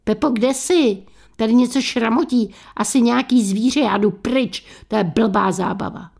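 A skittish little schoolboy, as a woman radio reader puts him on, his fretful questions lifted high above her usual voice. He sounds uneasy and quick to panic, a storybook child in a radio tale. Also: vocal fry, a little mellow, slightly rough. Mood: scared. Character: timid anxious schoolboy easily frightened.

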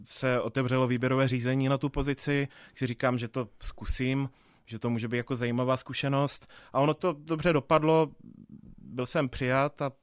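A young man answers interview questions about his work in theatre, hesitating often and restarting sentences. His pitch stays fairly even and flat. The recording is close and dry, with no room sound. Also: clear, resonant tone, no room sound. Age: 20s. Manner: thoughtful, hesitant with many fillers and restarts. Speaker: theatre dramaturg.

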